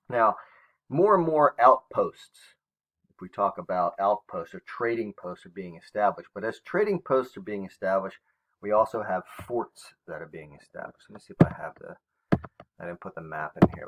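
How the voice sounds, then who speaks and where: A man's voice: fairly low pitch, a bit bright, rough recording. A man teaching a recorded history lesson to his students, talking in a conversational way with fillers and self-corrections.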